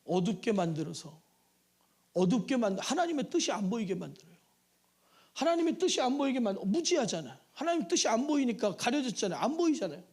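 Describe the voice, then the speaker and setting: A man preaching a midweek sermon in a church, his voice sitting very high and leaping up and down. He throws out rhetorical questions and bursts into shouts for emphasis. He also acts out pleading prayers in a sing-song tone. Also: sing-song, brisk, husky. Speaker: pastor. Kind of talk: Wednesday evening sermon. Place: church sanctuary.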